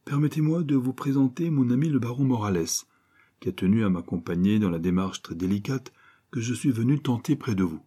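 A man voicing a scheming young adventuress who speaks smoothly and turns menacing. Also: mid-range voice, expressive, a little fast, mellow, pitched above the performer's own voice. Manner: smooth, then harsh and threatening.

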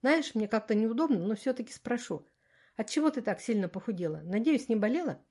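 A woman reading the lines of a confident, caring young man in a storybook, in her own calm voice. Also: medium pitch, a little fast.

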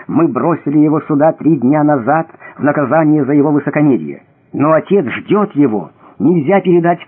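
A man's voice: mid-range voice, husky. A man voicing a distraught eldest brother, crying out and pleading in anguished bursts. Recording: thin phone-like audio.

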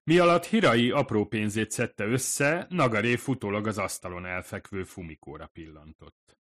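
Low-voiced man reading a novel aloud. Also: expressive, a bit bright. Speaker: audiobook narrator. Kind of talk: scripted narration.

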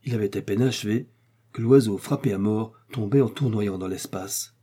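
Male audiobook narrator, husky, dramatic reading. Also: on the low side, moderate pace, dark tone.

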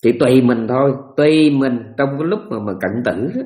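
Folksy monk preaching. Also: male voice, medium pitch, expressive, fairly quick, mellow. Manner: folksy, repetitive, conversational. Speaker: Buddhist teacher. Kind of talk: dharma talk sermon.

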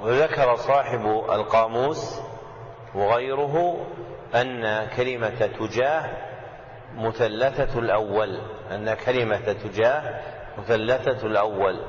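A man, a sheikh, giving a classical lesson commentary, measured and repeating key phrases for students. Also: on the low side, a little hiss or hum. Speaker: sheikh teaching a text. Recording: echoey hall, dull lo-fi audio.

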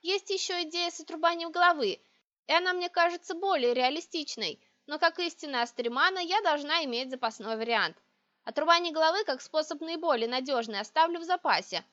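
A woman's voice: sits high, animated, brisk, pushed and bright, pitched above the performer's own voice. A woman voicing an imperious, sarcastic young sorceress who talks in cold, demanding tones. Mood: cutting. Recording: dry, dull lo-fi recording.

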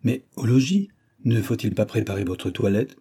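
A man voicing a brisk, fussing middle-aged mother in an audiobook reading of a classic novel. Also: on the low side, gravelly, dark tone, slightly rough. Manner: hurried, fussing. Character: brisk, bustling older mother.

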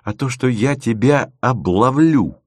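A man's voice: mid-range voice, a little slow, no echo, pitched above the performer's own voice, lightly acted. A man voicing an earnest, eager young male student intern.

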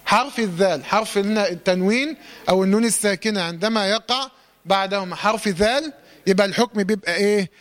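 A man with an Egyptian accent teaching Quran recitation rules, quizzing students, correcting them and reciting verse fragments slowly. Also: sits high, a bit bright. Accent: Egyptian Arabic. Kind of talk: tajweed lesson, call-and-response drilling.

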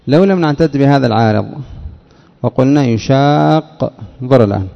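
A man's voice: medium pitch, lively intonation, a little fast, gravelly, dark tone, long reverb tail, dull audio. A man, a sheikh, teaching a classroom lesson on Arabic morphology, stretching out key words and quizzing his listeners with short questions.

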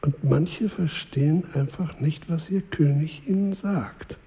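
A man's voice: on the high side, unhurried. An actor playing a vain, weary King Arthur in a radio drama, speaking in a wry, stately manner. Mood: musing, haughty. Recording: roomy hall reverb, narrowed sound.

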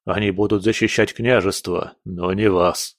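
A weary, disgusted general with a deep, grim and contemptuous delivery, played by a man in an audiobook. The voice sits low and the sound is dry. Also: fairly even intonation, normal speed, dry recording, close to an everyday voice. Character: weary, disgusted middle-aged male general.

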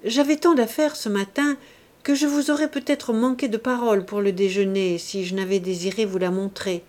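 A woman's voice: mid-range voice, fairly even intonation, normal speed, darkish tone, natural voice. A woman reading an audiobook, voicing a proud young society woman who mocks and teases her suitor. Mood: cool. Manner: teasing, scornful.

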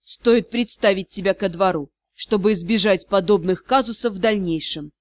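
Woman reader doing a male aristocrat: low, icy, unhurried courtesy, storybook. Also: natural voice. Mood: icy polite. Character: cold, commanding aristocratic lord, a male academy director. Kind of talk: audiobook character voice.

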